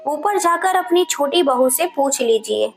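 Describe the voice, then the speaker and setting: A woman voicing a harsh young daughter-in-law who talks in a sharp, scolding way. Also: high-pitched, animated, a little slow, faint music behind.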